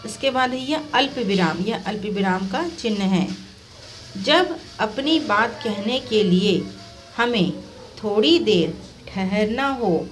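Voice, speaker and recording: A woman teacher walks young pupils through a grammar lesson, patient and repetitive, slowing down to read out each example. Her voice sits at an ordinary middle pitch. A faint hiss of background noise runs under the recording. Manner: patient explaining, repeats and reads out examples slowly. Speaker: primary school Hindi teacher. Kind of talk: classroom lesson explaining grammar to children.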